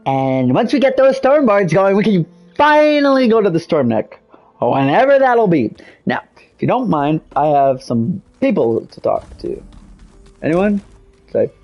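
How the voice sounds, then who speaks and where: Animated, slow-talking woman game streamer. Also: fairly low pitch, lo-fi sound. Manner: rambling, joking, talks to herself. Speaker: gameplay streamer. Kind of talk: let's play commentary. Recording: game music behind.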